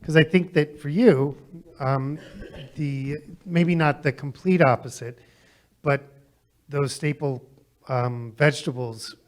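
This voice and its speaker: A man's voice: fairly high pitch, fairly even intonation, takes it slowly, pauses often. An American man moderating a panel in a conversational style, steering talk between guests.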